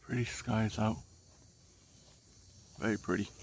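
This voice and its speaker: A man's voice: on the low side, steady tone. A man with audible heavy breathing, rambling casually to viewers as he films a vlog outdoors on his phone. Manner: unhurried, murmured remarks while walking around. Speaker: vlogger. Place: outdoors in a yard with cicadas. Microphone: handheld phone. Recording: outdoor phone recording, faint ambient noise. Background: faint outdoor ambience, cicadas.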